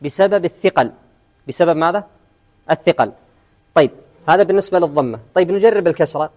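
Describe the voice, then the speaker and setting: A man's voice: a little high, fast, darkish tone. A man teaching an Arabic grammar lesson in class, often quizzing his students and repeating key words.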